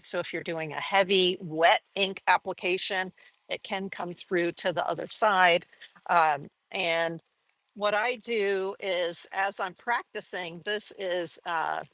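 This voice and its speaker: A woman's voice: on the low side, fairly bright tone, no echo, low-quality recording. Chatty woman teaching brush painting. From grew up in Taiwan and Korea. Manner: chatty, folksy, laughs often, says y'all. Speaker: art teacher. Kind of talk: live painting lesson.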